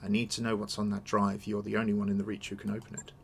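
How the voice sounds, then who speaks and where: Man voicing wronged noblewoman, video game, formal, unyielding, lowish voice. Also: completely flat delivery, fast, creaky, a little hiss or hum. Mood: formal, earnest. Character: stern, wronged noblewoman seeking her throne. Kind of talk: read-aloud of video game dialogue.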